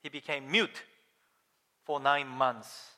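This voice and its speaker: A man preaching a sermon as pastor, emphatic and animated, asking his listeners questions as he explains scripture. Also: medium pitch, slow pace. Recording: long hall reverb.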